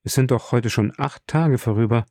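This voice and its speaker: In a mid-range, darkish voice close to everyday speech, a man reads the part of a suave, wealthy count in an audiobook at a moderate pace, with no room sound. The character is calm and commanding, and the delivery is composed and courteous with a touch of irony.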